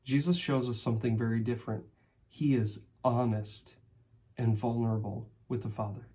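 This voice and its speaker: Earnest preaching man, mid-pitched. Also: steady tone, normal speed. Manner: earnest, rising to intense emphasis then dropping soft; acts out heartfelt prayers in first person. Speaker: pastor. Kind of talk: sermon.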